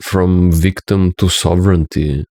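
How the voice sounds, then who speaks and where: In clean studio sound with no echo, a spiritual teacher from Slovenia gives an earnest, preachy monologue in English, his second language, frequently asking "right?". His Slovenian-accented voice is low, steady, mellow, and a little slow.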